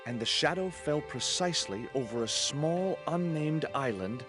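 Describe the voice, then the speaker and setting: An actor with an American accent playing a wisecracking adventurer in a video game, narrating in a dry tone. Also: male voice, a little high, expressive, moderate pace, lightly acted. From United States. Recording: game audio with clear music behind.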